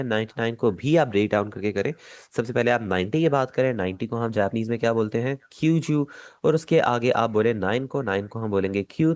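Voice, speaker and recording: A man with a Pakistani Urdu accent, teaching an online language lesson, patient and repeating each step slowly. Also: medium pitch, no echo, studio quality.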